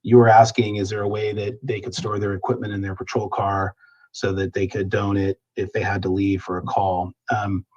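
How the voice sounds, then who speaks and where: A man serving as police chief answers questions at a public meeting in a measured way with many hesitations, heard over a video call. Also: on the low side, flat delivery, a little mellow, highs cut off.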